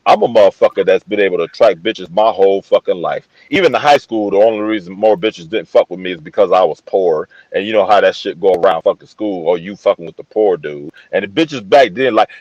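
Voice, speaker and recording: A man's voice: deep voice, fairly quick, few pauses, darkish tone, no room sound, highs cut off. A man on a casual panel, boastful and profane, repeating himself as he makes his point. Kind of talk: heated casual debate.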